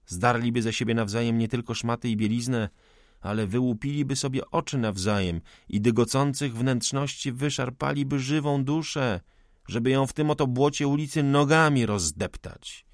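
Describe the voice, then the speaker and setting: A man reads a literary audiobook in scripted narration, shaping phrases slowly and dramatically, often sinking low at the ends. The recording is dry and close, with a middle-pitched voice. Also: no room sound.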